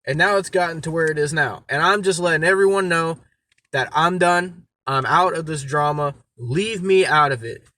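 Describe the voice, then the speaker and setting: Blunt, sharp-voiced young man ranting. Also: a little high, moderate pace. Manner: blunt, exasperated, heavily swearing. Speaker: YouTuber addressing his audience. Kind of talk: unscripted rant to camera. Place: inside a parked car.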